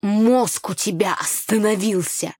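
A woman's voice: mid-range voice, unhurried, a little mellow, no echo, clean studio sound. A woman reading an audiobook, voicing a grumpy younger brother who snaps and sulks. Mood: cross. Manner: sulky and snapping. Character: younger brother, a cross grumbling boy.

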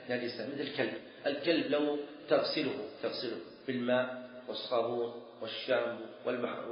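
Man, religious teacher, classroom lecture, rapid delivery, repeats phrases, heavy room echo. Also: medium pitch. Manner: repeats key phrases, poses questions to students. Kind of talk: classroom lecture on Islamic law. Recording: very echoey room, dull lo-fi sound.

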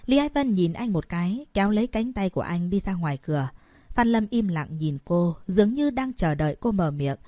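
A woman reads a story aloud in a steady, even storytelling manner. Her voice sits at a middle pitch. The recording is dry and close, with no room sound. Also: fairly quick, dry recording. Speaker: audiobook narrator. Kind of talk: scripted narration.

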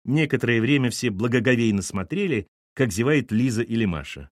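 A man reads an audiobook with lively, animated narration, his pitch sitting mid-range. The recording is dry and close, with no room sound. His delivery is expressive and scripted. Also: a little fast, no echo.

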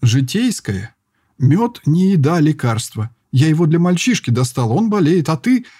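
A man's voice: a little high, big pitch swings, moderate pace, darkish tone, slightly rough, pitched above the performer's own voice. A man doing a bossy scolding young woman. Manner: scolding, commanding.

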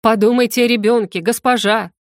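A fussy, imploring middle-aged serving woman, as a woman reader puts her on. She talks quickly and urgently. The audiobook is recorded close and dry. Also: a little high, fairly even intonation, no room sound, natural voice. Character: fussy quick fifty-year-old woman servant. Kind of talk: audiobook character voice.

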